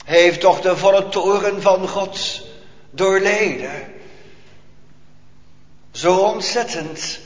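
A man preaching a solemn sermon, asking rhetorical questions and leaving long pauses. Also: high voice. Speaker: pastor. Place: church hall. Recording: echoey church hall, dull lo-fi.

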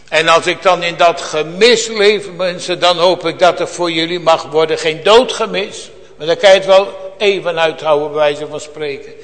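A man preaching a sermon to his congregation, with a fervent, drawn-out cadence that drops suddenly to soft, quiet phrases. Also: on the high side. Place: church. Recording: long church reverb.

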